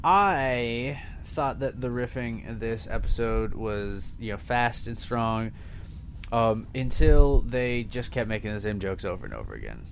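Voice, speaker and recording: Man, podcast co-host, casual chat, lively intonation, stumbling restarts, light ambient noise. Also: medium pitch. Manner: halting, restarts often, lively critical opinions. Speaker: podcast co-host reviewing a movie episode.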